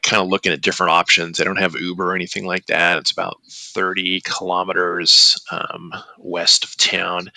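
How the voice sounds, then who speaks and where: A man's voice: deep voice, gravelly, pushed and bright, dry recording, poor audio. A middle-aged man hosting a podcast in casual chat, rambling and hesitant with many fillers and restarts. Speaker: podcast host.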